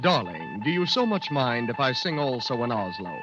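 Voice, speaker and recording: A man crisply reading out telegrams in a 1940s radio drama. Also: medium pitch, big pitch swings, normal speed, muffled recording, natural voice. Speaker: reader of telegrams. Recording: old radio broadcast with music.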